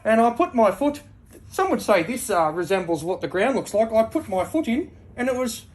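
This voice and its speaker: A man playing a crude, brazenly corrupt football coach in a mock interview, talking haltingly and deadpan. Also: high voice. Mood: defensive, cheeky.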